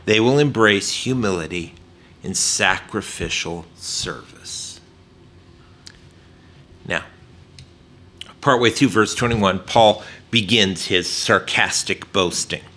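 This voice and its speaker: A man preaching a sermon in an earnest tone, with frequent "uh" fillers and points he drops low and soft for emphasis. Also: takes it slowly, pauses often. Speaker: pastor.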